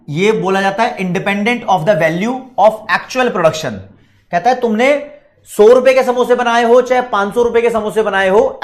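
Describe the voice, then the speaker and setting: A man with an Indian accent teaching an online exam-prep lecture, chatty and repetitive, talking straight to his students. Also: high-pitched. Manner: chatty, repetitive, mixes English terms into Hindi; addresses students directly, reads their questions.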